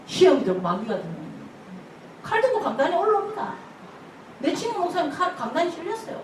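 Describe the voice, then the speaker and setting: An older woman pastor, preaching an animated sermon full of stories, acting out church members' voices and laughing often. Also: high-pitched, a little fast. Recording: echoey hall from far off, noisy ambience.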